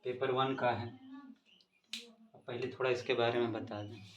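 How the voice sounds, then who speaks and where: A man with a Bihari accent explains an exam in a chatty, folksy manner and keeps checking that the listener understands. His voice sits at a middle pitch. The recording sounds slightly dull and lo-fi. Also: fairly even intonation, normal speed. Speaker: exam coaching presenter. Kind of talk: casual explainer lesson.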